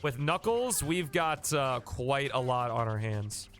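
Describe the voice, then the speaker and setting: Live-streaming a game, a man chats casually and thanks viewers by name, sounding a little sniffly from a cold coming on. He speaks slowly with lively intonation in a fairly bright, medium-pitched voice, with soft music behind him.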